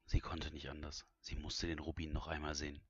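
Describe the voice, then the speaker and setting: A man's voice: extremely low pitch, completely flat delivery, fairly quick, a bit bright, slightly rough, no room sound. A man reading an audiobook as narrator in a suspenseful voice that drops to whispers. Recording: dull, dry, lo-fi recording.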